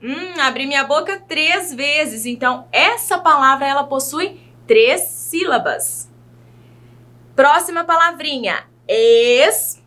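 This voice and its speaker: Woman teacher from Brazil, children's lesson; high, lively pitch, very slow, patient delivery. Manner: slow, exaggerated enunciation of words; patient, asks questions to young learners.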